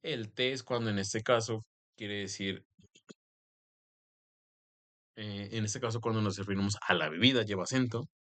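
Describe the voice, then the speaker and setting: Teacher, male, low voice, patient explanatory delivery, leans on filler phrases. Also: fairly quick, fairly bright tone. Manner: explanatory, repeats "en este caso" as a filler. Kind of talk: recorded grammar lesson.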